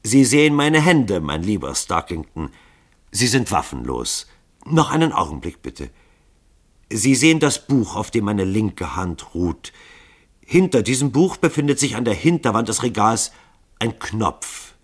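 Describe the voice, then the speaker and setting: A man reading a novel aloud, voicing an older chief of assassins who speaks calmly and politely. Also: fairly low pitch, a little slow, husky, voice pushed up, exaggerated voice. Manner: calm, polite, controlled. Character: older male chief of assassins, calm and courteous.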